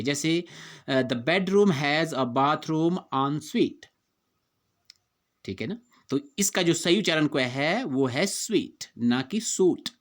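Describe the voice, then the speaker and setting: A man with an Indian accent teaching English pronunciation in a lesson that mixes Hindi and English, asking rhetorical questions and repeating words to drill them. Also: a little high. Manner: reads English definitions slowly and deliberately.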